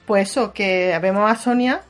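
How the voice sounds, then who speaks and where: A woman's voice: mid-range voice, moderate pace, faint music behind. A woman co-hosting a comedy show, narrating and improvising a telenovela parody in a playful, bawdy way. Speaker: comedy podcast co-host.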